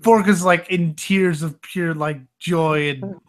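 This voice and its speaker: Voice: mid-range voice, steady tone, slow. Joking tabletop game player. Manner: laughing, joking, stumbling restarts.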